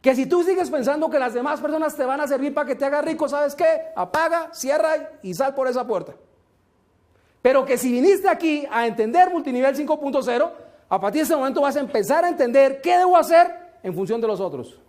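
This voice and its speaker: A man with a strikingly high voice lectures a seminar crowd, talking right at the listeners. His delivery is that of a motivational business speaker who tells stories to make his points. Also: animated, brisk, darkish tone. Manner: storytelling, addresses the audience directly. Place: seminar room with a live audience.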